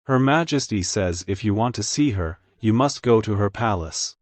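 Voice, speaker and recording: A man's voice: on the low side, lively intonation, moderate pace, no room sound, natural voice. A man playing an uneasy court official serving an emperor in a dubbed period drama. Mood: anxious, deferential.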